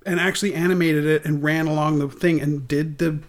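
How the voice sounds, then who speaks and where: A man's voice: a little high, fairly even intonation, a little fast. Candid, rambling man in his forties. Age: 40s. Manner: rambling, candid, with frequent restarts and swearing. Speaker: guest. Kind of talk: casual podcast conversation.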